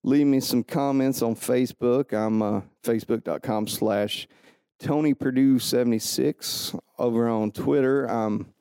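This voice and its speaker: A man's voice: mid-range voice, steady tone, a little slow, mellow, smooth, dry recording, clean studio sound. A man hosting a solo podcast, rambling goofily and joking at his own expense. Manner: self-mocking, goofy, rambling. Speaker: podcast host.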